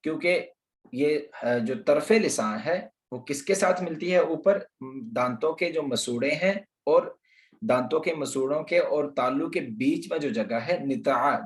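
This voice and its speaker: A man teaching Quran pronunciation in an online lesson, patiently explaining and repeating letter sounds for practice. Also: medium pitch. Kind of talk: slow online tajweed lesson. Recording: roomy echo.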